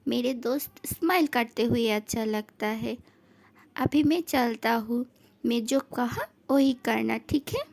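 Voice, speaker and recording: Woman voicing strict young man, firm scolding manner, high voice, slow measured talk. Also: creaky, a little mellow. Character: stern young man, strict but caring friend. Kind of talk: fan-fiction voice acting.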